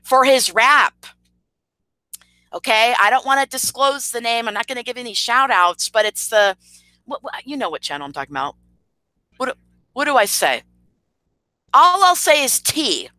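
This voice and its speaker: A woman's voice: on the high side, very animated, moderate pace, pauses often, pushed and bright, dry recording, low-quality recording. A woman ranting indignantly on an informal live stream. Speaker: YouTuber.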